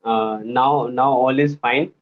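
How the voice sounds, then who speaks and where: A man in his twenties with an Indian English accent, halting through a conversation practice as an English learner. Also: mid-range voice, steady tone. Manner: hesitant, halting, many fillers and restarts. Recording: tinny phone-line call audio.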